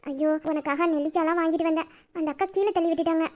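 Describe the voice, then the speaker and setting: A woman voicing a gentle, timid village girl who speaks softly and hesitantly in a drama. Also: extremely high pitch, fairly even intonation, racing. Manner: soft, pleading, hesitant.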